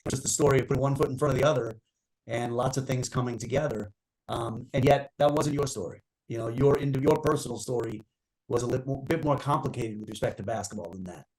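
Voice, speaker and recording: A man moderating an author interview over a video call, asking long, measured questions with many "um" and "uh" pauses. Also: medium pitch, a little mellow, rough recording.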